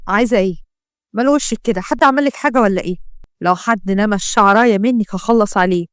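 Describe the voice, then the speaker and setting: A woman voicing a protective, tender young man with an Egyptian accent, gentle but quick to threaten. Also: medium pitch, no echo, clean studio sound, voice pushed down, lightly acted. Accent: Egyptian Arabic.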